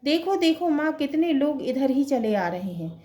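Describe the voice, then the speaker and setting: Woman reading a young sister figure: eager, urgent, a little high. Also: big pitch swings, moderate pace, warm tone.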